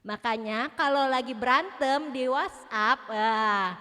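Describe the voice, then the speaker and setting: A woman's voice: sits high, slow, bright, forceful tone. A middle-aged woman giving a chatty, playful talk to a church youth group, talking straight to the audience. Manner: chatty, playful, laughs often, talks to the audience. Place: church hall. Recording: reverberant hall.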